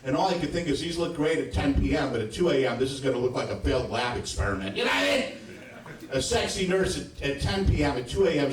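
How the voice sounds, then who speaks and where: A man in his fifties doing a crude, rambling live stand-up set, with frequent asides to the audience. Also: on the high side. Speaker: stand-up comedian. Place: comedy club stage. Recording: roomy, distant club recording.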